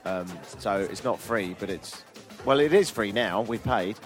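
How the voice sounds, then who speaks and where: A man's voice: lowish voice, lively intonation, measured pace, faint music behind. A man hosting a travel vlog outdoors on a river boat, speaking in a dry, self-deprecating, joking way. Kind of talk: casual travel chat.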